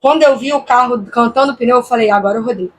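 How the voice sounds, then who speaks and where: Speaking fast in a high-side voice over slight background noise, a woman vlogger from Brazil relives a scary night for her camera. Her telling is animated and tense, and she quotes her inner thoughts along the way.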